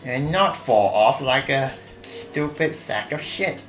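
A man's voice: mid-range voice, animated, takes it slowly. A young man playing a video game and commentating casually, raging and swearing in exasperation. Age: young adult. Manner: exasperated raging gamer, swearing and crying out in frustration. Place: indoor room with game music behind. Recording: echoey room, faint game music behind.

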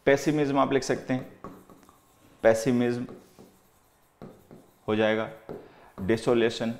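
Indian english teacher guy, explains words slow in hindi, echoey room. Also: medium pitch, steady tone. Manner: explains slowly, reads example sentences aloud word by word, repeats words; keeps saying "theek hai" while writing on the board. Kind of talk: vocabulary lesson in Hindi and English.

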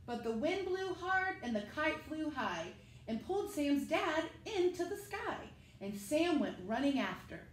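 A school teacher reads a picture book to her pupils in a high, animated voice, taking her time and speaking straight to the children. She's indoors in a living room at home, with the camera a few metres off. The room echoes and there's faint background noise.

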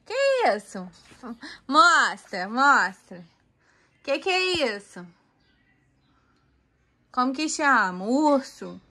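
Brazilian lady vlogging at home in the toy corner, high voice, slow and playful with a little kid. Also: very animated, sharp tone. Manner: coaxing, playful, talks to viewers as "pessoal". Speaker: family vlogger host. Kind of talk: casual home vlog with a toddler.

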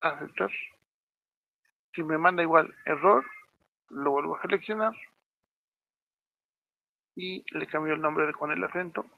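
With a Mexican Spanish accent, a man walks his students step by step through a programming screencast, checking in with them often. His voice is a little high and creaky, his pace measured, with long pauses. The audio is dry and tinny, like a phone.

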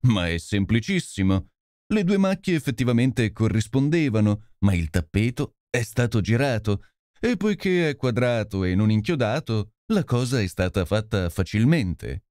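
A man voicing a sharp detective who gives firm, urgent orders. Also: on the low side, big pitch swings, normal speed, dry recording, clean studio sound. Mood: commanding, urgent. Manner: commanding, urgent. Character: sharp, commanding male detective.

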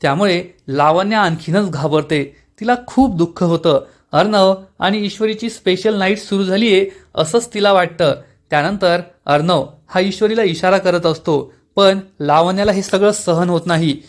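A man narrating a retelling of a TV episode, reading the dialogue in a steady storytelling manner without putting on voices. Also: high voice, moderate pace, hardly any pauses. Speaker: serial review narrator.

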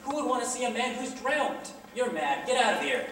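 A stage performer playing a prim, easily offended gentleman who sounds indignant, fussy and flustered. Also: medium pitch, very animated, brisk, a little hiss or hum. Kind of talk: high school stage play. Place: school auditorium stage. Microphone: far camera. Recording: echoey hall from far off.

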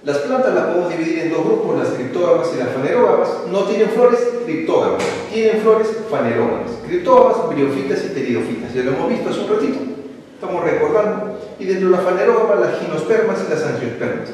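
Peruvian male biology teacher, lively and quizzing, slightly high voice, very echoey hall, distant mic. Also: fast talker. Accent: Peruvian Spanish. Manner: lively, asks questions and answers them himself, mixes in English words. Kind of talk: online pre-university biology lesson.

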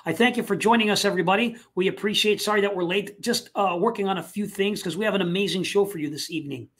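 A man hosting a live online talk show, speaking casually with many fillers and pauses. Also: sits high, fairly bright tone. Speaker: host.

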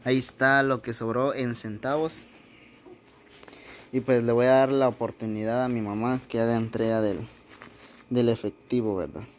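A man's voice: medium pitch, fairly even intonation, moderate pace, pauses often, a little hiss or hum. A young man hosting a charity vlog, explaining things step by step to his viewers. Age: young adult. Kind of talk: casual narration to camera. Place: small bedroom, indoors.

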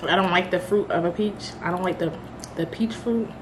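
A woman's voice: lowish voice, noisy background. Chatty young woman talking while chewing. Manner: chatty, candid, drawn-out slang. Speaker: vlogger. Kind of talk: casual candy review.

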